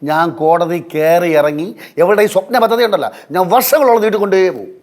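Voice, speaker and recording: A man's voice: high-pitched, animated, fast talker, darkish tone. An actor playing a stubborn, blustering middle-aged father in a TV sitcom. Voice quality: teasing, blustering. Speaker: father of the family. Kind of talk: TV sitcom acting. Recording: TV sitcom with faint music.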